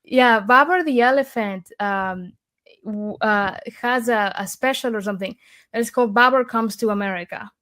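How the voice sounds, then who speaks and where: In a fairly bright, higher-than-average voice at normal speed, a young woman from Argentina answers in a conversational interview. She's earnest and heartfelt, restarting often and using many fillers.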